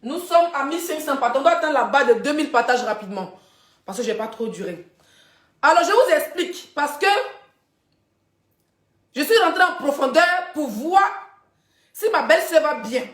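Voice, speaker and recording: A woman, hosting a casual live stream and telling gossip straight to her viewers in a chatty, animated way. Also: high voice, normal speed, long pauses, roomy sound. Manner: chatty, animated storytelling, addressing viewers directly.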